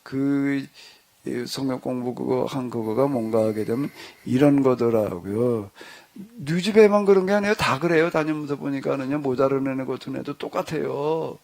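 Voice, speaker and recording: A middle-aged male pastor telling a story to his congregation in a relaxed, conversational way, acting out the dialogue as he goes. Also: medium pitch, moderate pace, creaky. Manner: conversational, animated retelling with quoted dialogue. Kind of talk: storytelling in a church discussion.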